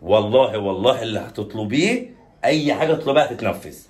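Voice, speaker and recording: A man's voice: on the low side, lively intonation, fast. A man with an Egyptian accent, hosting a vlog with pushy, teasing banter. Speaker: vlogger host. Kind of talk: playful staged vlog banter.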